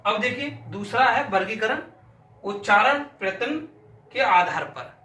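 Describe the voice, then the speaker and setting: A man teaches a lesson in a high, piercingly bright voice. He sounds out syllables over and over and poses questions he then answers himself. He is heard from a distance in an echoey room. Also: animated, measured pace, slight background noise. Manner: demonstrates sounds by repeating syllables aloud; asks and answers his own questions. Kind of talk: classroom lesson.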